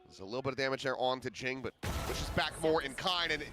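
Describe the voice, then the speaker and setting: A man's voice: medium pitch, fast talker. A man working as an esports caster, calling live game action in clipped, running play-by-play phrases. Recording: game noise, gunfire and clicks behind. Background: video game sound effects.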